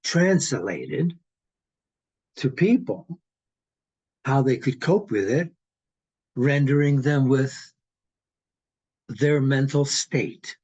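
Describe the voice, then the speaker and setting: A Hungarian man in his eighties talks slowly in casual conversation, rambling and philosophical. His mid-range voice is expressive, darkish and husky, and the recording has its highs cut off.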